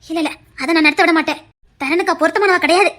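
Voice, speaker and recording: A stern, scheming aunt, voiced by a woman, hands down orders in a low, deliberate voice. Her Tirunelveli Tamil accent gives the comedy serial a village flavor. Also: fairly bright tone. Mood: firm. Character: stern scheming middle-aged aunt, head of family.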